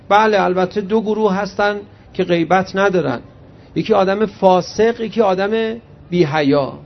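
A man preaching a religious sermon, reciting Arabic hadith slowly and then explaining them conversationally to his audience. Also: sits high, creaky. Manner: animated storyteller addressing the audience directly. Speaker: cleric preacher. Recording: muffled lo-fi recording.

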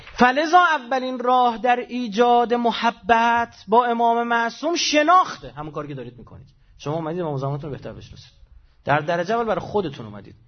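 Husky man preaching with hushed-to-loud swings. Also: sits high, highs cut off. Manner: swings from hushed to loud, emphatic drawn-out phrases. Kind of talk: religious sermon with dramatic storytelling.

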